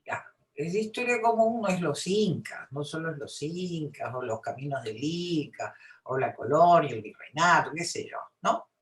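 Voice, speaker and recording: A woman's voice: low voice, expressive, normal speed. A woman from Peru with a Peruvian Spanish accent gives an informal academic talk in a conversational way, often adding little tag questions. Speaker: academic, film historian speaking at a seminar. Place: seminar room, indoors. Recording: echoey room sound.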